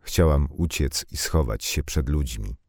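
A calm, reserved woman who answers in quiet, measured, brief phrases, as a man reads her. The voice stays very deep and dark. Dry, close storybook recording. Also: no echo. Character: calm, reserved grown woman hiding in a village.

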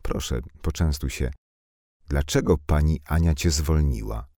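A calm, reserved woman who answers in quiet, measured, brief phrases, as a man reads her. The voice stays very deep and dark. Dry, close storybook recording. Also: no room sound. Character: calm, reserved grown woman hiding in a village.

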